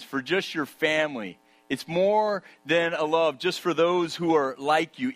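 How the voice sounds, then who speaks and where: A man preaching with a slightly high-pitched voice. He leans on rhetorical questions and drives his points home with emphasis. At key moments he drops into a hushed tone. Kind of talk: sermon.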